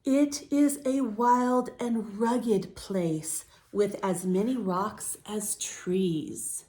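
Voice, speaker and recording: Reading a picture book aloud for little kids, this woman hosts storytime in a warm, mid-range voice. Her phrasing is slow, careful, and drawn out.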